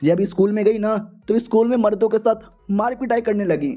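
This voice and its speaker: A man's voice: high-pitched, a little fast, warm tone. A man narrating a comic book recap in a slangy, chatty, joking way. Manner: slangy, chatty, laughs along. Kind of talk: casual comic storytelling.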